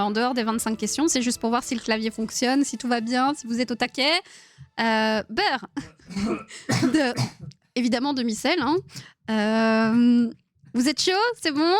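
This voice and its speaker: A woman in her thirties hosting a live quiz stream, chatting playfully with viewers and giggling often. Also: fairly high pitch. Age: 30s. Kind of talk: casual live-stream chat.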